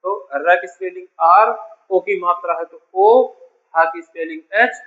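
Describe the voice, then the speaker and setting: A man's voice: high-pitched, steady tone, a little slow, bright, forceful tone, highs cut off. A man teaching a beginner English lesson, patiently repeating each point and calling his students dear children. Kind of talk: classroom lesson explaining spelling.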